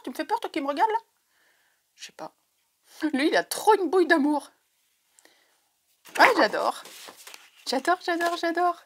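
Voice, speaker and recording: This woman's high, slightly bright voice bubbles with excitement as she unboxes items on her crafting vlog. Heart racing, she talks to viewers through a headset, gushing and saying things over and over.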